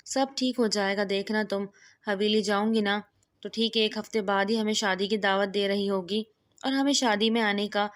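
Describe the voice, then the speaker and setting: A woman voicing a gentle, reassuring young female friend in a read-aloud story. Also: medium pitch, lightly acted.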